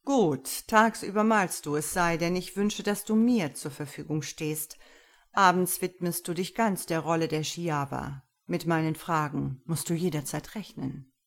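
A woman voicing a stern, commanding dominant man. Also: deep voice. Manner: cold, measured commands.

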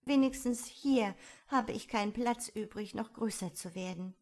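A woman voicing the young girl Alice, talking to herself in a lively, wondering way. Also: on the high side, a little slow. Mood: wistful. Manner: lively, wondering self-talk.

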